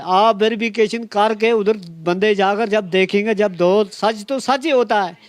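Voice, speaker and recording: A man's voice: high voice, clear, resonant tone, no echo. A distressed man, near tears, pleading as he tells a reporter his complaint over and over. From Kashmir. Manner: pleading, repetitive, acts out officials' words.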